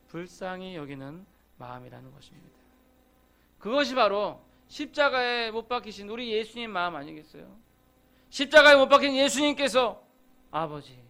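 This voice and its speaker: High-voiced Korean pastor preaching conversationally. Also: male voice, pushed and bright, smooth. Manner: conversational, acts out quoted grumbles. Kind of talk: sermon. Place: church sanctuary.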